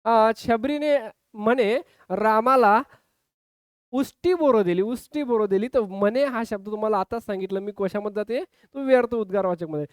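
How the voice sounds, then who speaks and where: A man's voice: high voice, normal speed, smooth, no room sound, clean studio sound. A man teaching an online exam-prep grammar lesson, acting out example exclamations and calling his students friends. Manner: lively, acts out example exclamations, keeps addressing students as friends.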